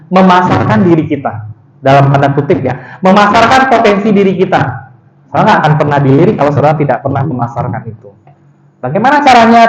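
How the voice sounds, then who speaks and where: Fast-talking high-voiced man lecturing. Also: reverberant, dull audio, a little hiss or hum. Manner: addresses audience as "saudara", frequent "gitu" tags, lively emphatic intonation. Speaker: guest lecturer. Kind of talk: seminar talk to university students.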